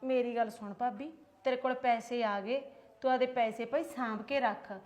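A woman playing a touchy, high-voiced sister-in-law. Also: normal speed, a bit bright. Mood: sulky. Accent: Punjabi. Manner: sarcastic, aggrieved, tag-questions. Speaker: husband's sister. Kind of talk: homemade family skit.

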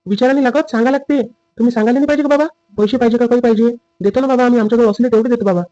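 A man's voice: very high-pitched, steady tone, warm tone, no room sound, muffled recording. A man playing a dutiful, mild-mannered husband. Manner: rapid, lecturing, placating. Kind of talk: family drama skit.

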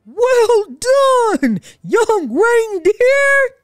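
A woman's voice: very high-pitched, big pitch swings, extremely slow, no echo, pitched above the performer's own voice, exaggerated voice. A woman voicing jolly old Santa Claus in a children's storybook, with hearty, blustering exclamations. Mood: cheerful. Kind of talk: children's storybook read-aloud.

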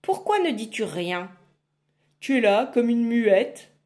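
Baba Yaga, a woman putting on a loud gruff witch. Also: on the high side, sing-song, slow pace, pitched above the performer's own voice. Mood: grumbling. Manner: loud, growling and threatening. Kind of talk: storybook reading.

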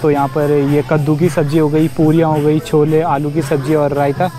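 Fast, high-voiced young male travel vlogger. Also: level tone, music in the background, poor audio. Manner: chatty, keeps calling viewers "bhai", pointing things out. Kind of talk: casual travel vlog walkthrough. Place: outdoors at a riverside tourist spot and in a cave. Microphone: handheld action camera at arm's length with a lapel mic.

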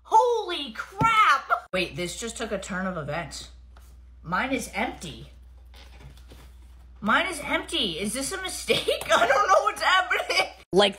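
A woman in a social media clip, reacting in an excited, exclaiming way. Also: high voice.

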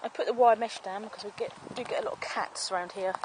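Filming her allotment garden on a handheld camera while off screen, a woman chats and explains in a casual, homely tour. She talks quickly in a medium-pitched, slightly mellow voice with fairly even intonation. The audio is poor, outdoor camera sound with clear background noise.

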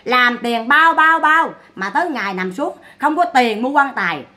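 A woman's voice: high-pitched, expressive, moderate pace, sharp tone. A woman giving mocking, scolding gossip commentary. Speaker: online commentator.

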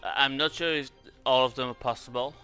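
Man, Swedish accent, very sharp bright tone, casual gaming commentary, rambling and halting, music in background. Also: medium pitch, steady tone, clean tone. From Sweden. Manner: hesitant, rambling, repeats words. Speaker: gaming video creator. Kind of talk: casual game guide commentary.

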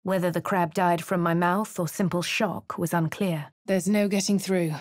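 In these game voice lines, a woman's fairly low voice stays fairly even at a normal pace, close to how she'd sound every day. She plays a posh fantasy adventurer, the player character, remarking and narrating in a dry, composed, refined manner with crisp upper-class English diction. The recording is dry.

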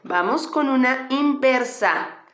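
A woman, a kindergarten teacher leading children through a slow syllable-by-syllable reading drill, patient and encouraging. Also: high voice, expressive, fairly bright tone. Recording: echoey room.

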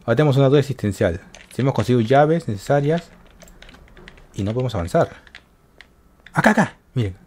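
Husky-voiced man narrating his gameplay. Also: medium pitch, lively intonation, fast, pauses often, dark tone. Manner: mutters to himself, exclaims, addresses viewers. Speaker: gaming channel host. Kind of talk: live gameplay commentary.

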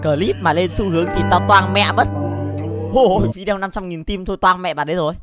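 A man's voice: high voice, brisk, loud music behind the voice. A Vietnamese man hosting a reaction video, joking crudely, swearing often and laughing a lot. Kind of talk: casual reaction commentary.

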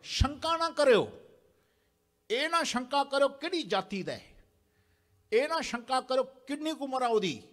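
A man's voice: very high voice, expressive, measured pace, long pauses, fairly bright tone. A man preaching a sermon in a large temple prayer hall, exhorting the congregation and having them repeat lines after him. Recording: long hall reverb.

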